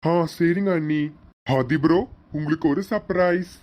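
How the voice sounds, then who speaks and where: A man's voice: a little high, steady tone, normal speed, darkish tone, natural voice. Man playing a teasing younger brother. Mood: playful. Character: cheerful playful younger brother.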